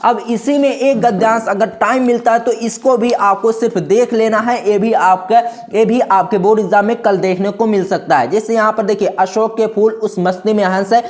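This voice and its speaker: A man's voice: high voice, steady tone, normal speed, hardly any pauses. A man teaching a Hindi exam-prep lesson, explaining step by step and often checking that students follow. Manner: explains step by step, keeps checking "ठीक है", calls students "दोस्तों" and "बाबू".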